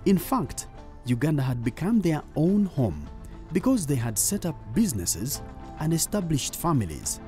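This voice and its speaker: A male narrator reads a scripted documentary voice-over in a measured way. His pitch is animated and his tone is warm and mellow. He explains events step by step. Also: faint music behind. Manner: measured, expository.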